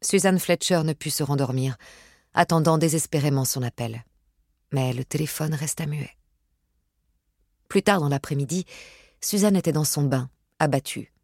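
A woman narrating an audiobook in a measured, steady reading voice with a husky grain. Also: sits low, no echo, studio quality.

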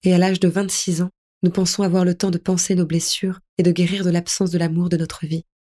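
A woman narrating a first-person audiobook in a soft, tender, melancholy way. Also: on the low side, little pitch movement, fairly quick.

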